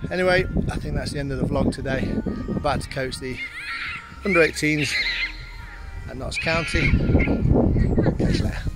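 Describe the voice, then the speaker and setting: Over loud music, a man with a highish voice talks to camera at a normal pace, pausing often, in a casual, matter-of-fact vlogging style. He's a vlogger and youth football coach filming on a phone held at arm's length as he moves between rooms at home, the doorstep and open outdoors, with clear background noise and outdoor ambience.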